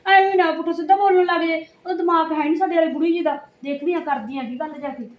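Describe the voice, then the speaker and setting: A woman's voice: very high-pitched, steady tone, fast, roomy sound, lo-fi sound. A woman acting a devout, chatty daughter-in-law in a comedy sketch.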